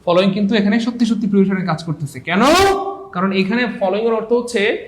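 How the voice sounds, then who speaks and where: High-voiced guy teaching grammar live, teasing and repeating stuff, echoey room with faint noise. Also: quick pace. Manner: playful, teasing, repeats phrases. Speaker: English teacher. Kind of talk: live online grammar lesson.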